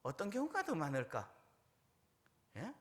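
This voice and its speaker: A man's voice: sits high, wildly swooping pitch, a little slow. A male pastor preaching a sermon in a church, asking the congregation questions and acting out prayers with rising force. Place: church sanctuary.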